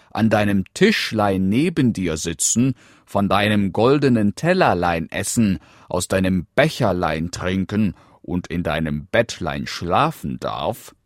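A man voicing a talking frog in a fairy tale, calling out in a high, loud, drawn-out voice. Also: dry recording, clean studio sound, heavily acted. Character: pleading talking frog from a well, male.

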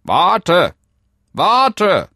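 A man voicing a talking frog in a fairy tale, calling out in a high, loud, drawn-out voice. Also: sing-song, dry recording, clean studio sound. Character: pleading talking frog from a well, male.

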